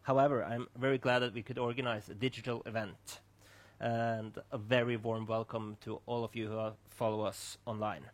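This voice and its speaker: A man's voice: mid-range voice, flat delivery, normal speed. A man hosting a streamed discussion, giving a formal, scripted introduction with small restarts. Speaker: host. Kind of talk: moderating a panel talk. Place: online streamed event.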